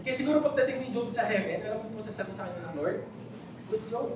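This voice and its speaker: A man's voice: high voice, expressive, very fast. A man with a Filipino accent, preaching a sermon in a church hall, telling stories with jokes and asking the congregation questions. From Philippines. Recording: very echoey hall, voice from far off, faint noise.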